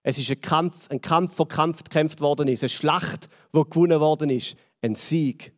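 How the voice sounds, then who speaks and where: A man with a Swiss German accent preaching a sermon, building dramatically and then dropping to hushed lines. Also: moderate pace, long reverb tail. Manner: dramatic, swells and drops in pitch and volume. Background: band playing softly.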